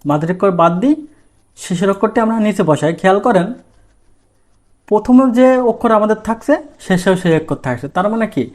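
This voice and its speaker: A Bangladeshi male language teacher runs a Bengali lesson, asking questions and answering them himself. He sounds high-pitched and animated, speaking fairly quickly with a darkish tone.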